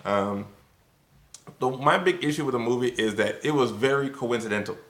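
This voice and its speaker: Speaking at normal speed in a mid-range, fairly bright voice, a man reviews for his viewers in an informal, slightly loose conversational style. He's a video reviewer, and the audio is roomy with an echo.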